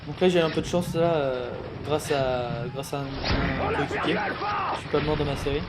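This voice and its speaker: Loud music and game gunfire play behind a Parisian sixteen-year-old who comments on a video game casually, stumbling and apologizing. His voice is fairly high, his intonation fairly even, his pace moderate.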